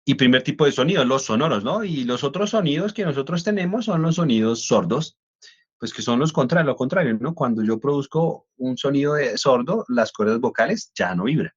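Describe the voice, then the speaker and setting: A man's voice: mid-range voice, lively intonation, brisk, husky. A man, an English instructor explaining pronunciation in a class, often checking in with "¿no?". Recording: dull lo-fi audio.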